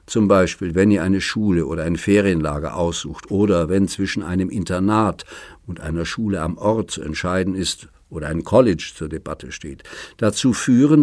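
A man voicing a lonely, generous old man in an audiobook, speaking in a measured, earnest way. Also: low voice, darkish tone, dry recording, clean studio sound. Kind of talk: audiobook reading.

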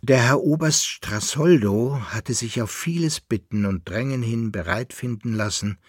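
A man reading a story aloud in a measured narrating manner. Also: mid-range voice, slightly rough, dry recording, clean studio sound. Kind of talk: audiobook narration.

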